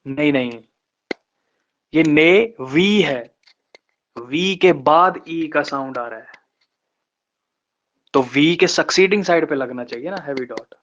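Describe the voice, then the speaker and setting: A man teaching shorthand in a live online lesson, explaining step by step with patient pauses and slowing down to spell out terms. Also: fairly high pitch, a bit bright. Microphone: online class microphone. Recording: dull lo-fi online class audio.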